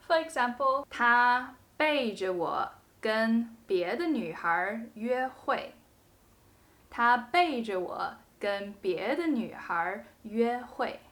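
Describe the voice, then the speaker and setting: A woman with a Mandarin Chinese accent teaching a scripted language lesson. She speaks slowly and carefully and says each example sentence twice. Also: medium pitch, a bit bright.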